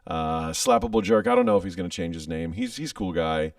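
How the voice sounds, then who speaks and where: A content creator in his thirties talks casually and fairly quickly on a home livestream, his deep, creaky voice swinging widely in pitch as he rambles, hesitates, and restarts. He speaks into a studio microphone with headphones, but the dry recording sounds as if captured from a distance.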